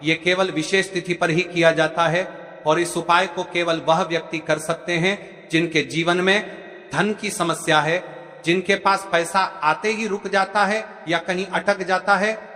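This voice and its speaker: A man's voice: high-pitched, steady tone, measured pace, sharp tone, in a large hall. A man preacher giving step-by-step devotional instructions, speaking straight to his listeners as devotees and often checking in with them. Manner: repeats a checking "okay". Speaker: religious preacher.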